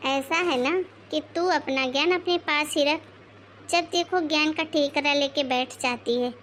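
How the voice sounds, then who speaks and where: A woman voicing a bossy, sarcastic mother-in-law in her forties in an animated moral story, scolding and mocking. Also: sits high, measured pace, a little hiss or hum. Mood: taunting.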